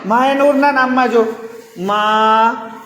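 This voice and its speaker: A woman teaches small children, talking very slowly and patiently and asking the class the same question again and again. She is recorded in a roomy classroom with a long, ringing reverb and a clear layer of background noise. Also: a little high, steady tone, fairly bright tone. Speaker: primary school teacher. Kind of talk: classroom lesson for young children. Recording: echoey room with noise.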